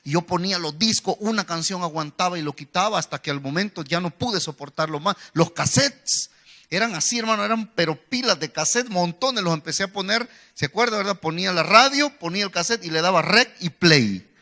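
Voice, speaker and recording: Bright high-voiced Salvadoran preacher man. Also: expressive, fairly quick. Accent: Salvadoran Spanish. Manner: storytelling, addresses listeners as "hermano". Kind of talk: sermon with personal testimony. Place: church.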